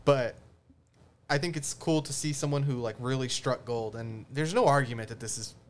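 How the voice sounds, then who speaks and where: A man's voice: mid-range voice, moderate pace. Casual man chatting about films. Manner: relaxed, rambling with fillers. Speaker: podcast host. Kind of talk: casual film discussion.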